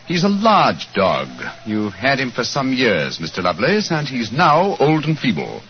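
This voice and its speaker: An actor playing Sherlock Holmes, a sharp, confident detective in a 1940s radio play, delivering deductions in a crisp, precise lecturing way. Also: male voice, medium pitch, huge pitch swings, normal speed. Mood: deducing. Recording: dull lo-fi 1940s radio broadcast with faint hiss.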